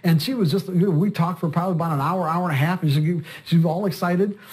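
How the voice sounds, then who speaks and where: A man's voice: fairly high pitch, quick pace, a little mellow. An older man, a trading coach, telling a story in an interview in a rambling way and often repeating words.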